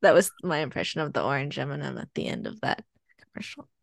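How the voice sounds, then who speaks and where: Speaking fast with big pitch swings, a woman with an extremely low, gravelly voice co-hosts a podcast. She rambles through a story's plot in casual chat, packed with fillers and laughter, on a dry studio-quality recording.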